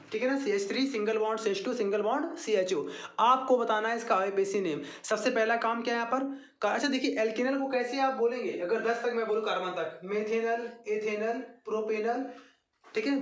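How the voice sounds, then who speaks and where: A male teacher takes the class through a chemistry lesson at an unhurried pace. He repeats each formula and keeps asking questions that he answers himself. His voice sounds roomy and echoey. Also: high-pitched, fairly bright tone. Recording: echoey room.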